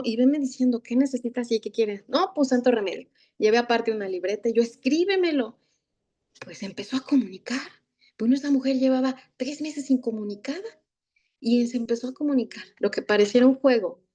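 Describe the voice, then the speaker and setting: Mexican lady teaching a class, fairly high voice, acts out the dialogue, keeps asking "right?". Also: mellow. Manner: acts out dialogue, tag questions. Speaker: thanatologist giving a masterclass. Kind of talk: storytelling lecture.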